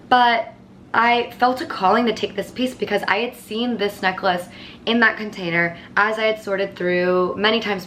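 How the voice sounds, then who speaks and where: A woman's voice: medium pitch, fairly bright tone, a little hiss or hum. Chatty woman vlogging, full of fillers. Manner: chatty, filler-heavy, earnest. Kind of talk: casual monthly favorites chat.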